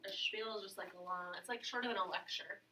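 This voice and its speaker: A woman with a mid-range voice teaches a geometry class at a fast pace, upbeat and coaxing her students with questions. The mic is distant in an echoey classroom, with heavy background noise.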